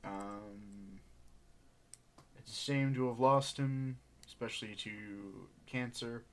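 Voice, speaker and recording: A young man co-hosting a casual podcast, rambling with many pauses and laughs as he tells stories. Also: mid-range voice, steady tone. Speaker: podcast co-host.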